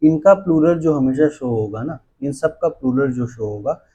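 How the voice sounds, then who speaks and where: A man's voice: mid-range voice, animated, normal speed, dark tone, lo-fi sound, a little hiss or hum. A man teaching English grammar for exams, spelling words out letter by letter and repeating key terms as he checks in with his students. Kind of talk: classroom-style exam lesson.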